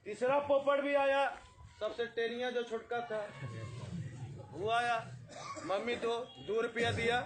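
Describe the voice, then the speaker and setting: A male teacher and motivational speaker tells a story to his audience in a lively, joking way, sometimes breaking into shouts. His voice sits notably high. The live recording carries a clear hiss of background noise. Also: measured pace, long pauses. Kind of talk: animated storytelling talk.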